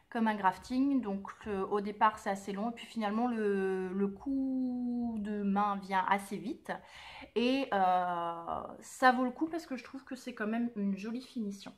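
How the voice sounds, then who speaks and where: A woman hosting a knitting podcast, explaining her projects in a casual, chatty way, with many fillers and self-corrections, talking to the camera by a sunny window. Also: medium pitch. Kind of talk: casual knitting tutorial and chat.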